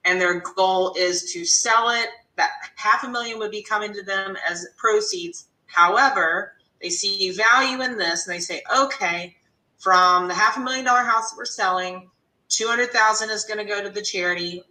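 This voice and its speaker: A woman's voice: mid-range voice, moderate pace, sharp tone, echoey room, distant mic, rough recording. A woman hosting an interview, summing up points and asking follow-up questions. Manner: affirming, summarizing questions. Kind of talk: interview chat.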